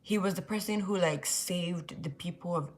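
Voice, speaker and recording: A young Nigerian woman hosts a laid-back late-night Bible study livestream, rambling and frequently restarting sentences with "like." Her voice is fairly low and she talks at a normal speed.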